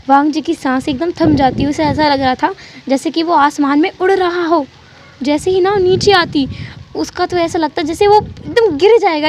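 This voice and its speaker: A woman telling a fan fiction story in an animated, dramatic way. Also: high-pitched. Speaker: channel storyteller.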